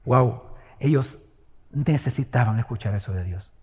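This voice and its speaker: A man preaching a sermon, firing off rhetorical questions and swinging between loud exhortation and hushed, tender passages. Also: medium pitch, a little slow, husky. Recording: long hall reverb.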